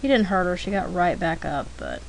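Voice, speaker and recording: Fairly quick and low-pitched with vocal fry, a woman talks over her drawing demo in a casual, rambling, self-deprecating way, thinking aloud as she draws. It's a rough recording with steady background noise.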